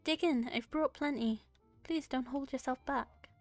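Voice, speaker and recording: A soft-spoken, well-mannered young woman who bakes cookies and loves simple romance, voiced by a woman reading a story game aloud. Her voice sits a little high and sounds close and dry. Quiet music plays faintly behind her. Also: unhurried, dry recording. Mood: warm teasing. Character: gentle refined young woman baker. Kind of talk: reading a visual novel aloud.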